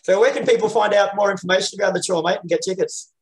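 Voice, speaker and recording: A man's voice: sits high, quick pace. A man hosting a casual music interview in a blokey, matey, sweary way.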